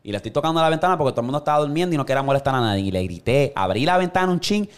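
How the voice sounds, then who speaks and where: A man hosting a podcast in profane, excitable banter. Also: fairly high pitch, rapid-fire, clear, resonant tone. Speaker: podcast host. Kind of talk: casual chat.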